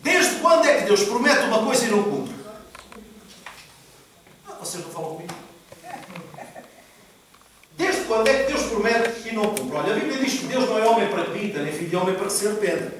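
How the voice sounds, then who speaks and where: A man's voice: sits high, sing-song, fairly quick, long pauses, background noise. A male pastor preaching a sermon to a congregation. He repeats key phrases and puts questions to his listeners. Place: church hall. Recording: echoey church hall from far off.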